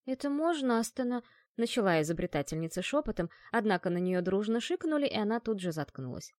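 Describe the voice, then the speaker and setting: A woman narrating a fantasy audiobook in a measured, expressive reading. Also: fairly low pitch, dry recording, clean studio sound. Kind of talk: scripted narration.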